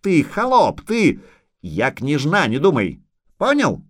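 A man voicing a frightened, haughty little girl who claims to be a princess, shrill and sniffling as she orders people about. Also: wildly swooping pitch, slow pace, fairly bright tone, exaggerated voice.

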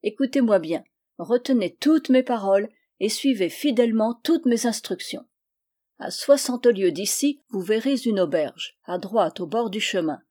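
Une femme qui prête sa voix à un minuscule vieillard barbu, enchanté depuis des siècles, bienveillant et insistant, dans un conte lu à voix haute. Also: female voice, mid-range voice, mellow. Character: tiny very old bearded man, enchanted, kindly.

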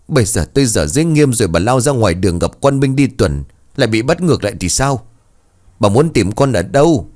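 A man playing a worried middle-aged father who calms his wife firmly, in a storybook reading. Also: mid-range voice, pitched above the performer's own voice. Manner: calming yet firm.

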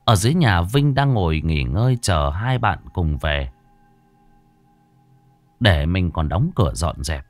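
A man narrates a horror audiobook dramatically. His voice is fairly low, and it rises and falls widely. The recording is dry and close-miked. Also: a little slow, pauses often, no room sound, soft background music. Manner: expressive, dramatic.

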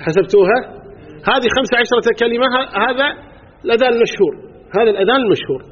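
A man's voice: very high voice, expressive, very fast, slight background noise. A man with a Kuwaiti Arabic accent teaching religious law to a live class, explaining step by step, quizzing his listeners and counting items aloud. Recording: dull lo-fi recording in a reverberant hall.

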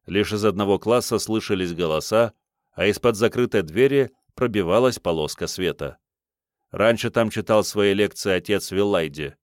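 Brief: male narrator, fantasy audiobook, steady and measured, low, dry close sound. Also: no echo.

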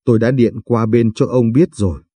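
A man voicing a gentle older mother in an audio story, speaking in a soft, soothing way with a dark, husky voice. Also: mid-range voice, fairly even intonation, moderate pace, no echo, lightly acted. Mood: reassuring.

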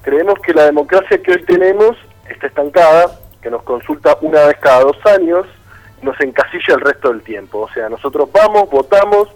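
Calling into a radio show as a candidate, a man with a Rioplatense Argentine accent from Buenos Aires argues his points persuasively and articulately. His slightly high voice is expressive and a little fast, over faint background music in a low-quality recording.

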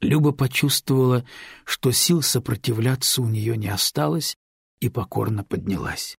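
Gravelly, husky male audiobook narrator. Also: medium pitch, moderate pace, dry recording, studio quality. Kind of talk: scripted narration.

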